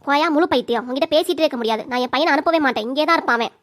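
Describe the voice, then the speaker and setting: Brief: cartoon mother-in-law, indignant and quick-tongued, put on by a woman. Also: high-pitched, a bit bright. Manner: indignant, rapid arguing. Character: sharp-tongued older mother-in-law, defensive of her son.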